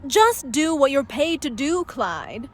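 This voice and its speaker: An actress playing a serious, determined young journalism student in a video game, insistent and pointed. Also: female voice, high voice, very animated, takes it slowly, exaggerated voice. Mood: guarded, serious. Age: young adult.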